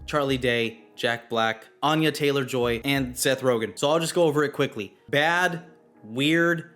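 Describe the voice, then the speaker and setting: A man's voice: medium pitch, a little slow, a bit bright, soft background music. A man giving a spoken movie review, blunt and opinionated in his criticism. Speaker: film reviewer.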